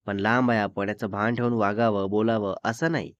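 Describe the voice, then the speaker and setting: A man's voice: lowish voice, steady tone, brisk, dry recording, close to an everyday voice. A man voicing a sulky young woman, a girlfriend who complains tearfully and makes demands in a petulant way. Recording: dull lo-fi dry recording.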